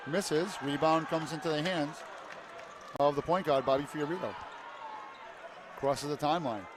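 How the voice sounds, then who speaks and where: A man calling a high school basketball game play by play in short clipped phrases, rising to shouts on big plays. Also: moderate pace. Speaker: play-by-play announcer. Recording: loud crowd and arena noise. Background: cheering crowd, bouncing basketball.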